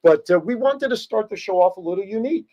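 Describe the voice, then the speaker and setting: High-pitched man bantering as an interviewer. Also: animated, fast, dark tone. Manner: joking, conversational. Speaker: podcast producer acting as interviewer.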